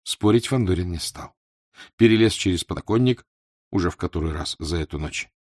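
A man narrating a literary novel in a measured, expressive way. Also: deep voice, dry recording, clean studio sound. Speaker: audiobook narrator.

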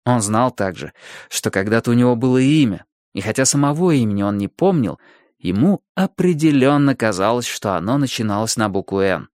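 A man narrating a fantasy audiobook in a steady, expressive storytelling manner. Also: mid-range voice, no echo, studio quality. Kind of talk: scripted narration.

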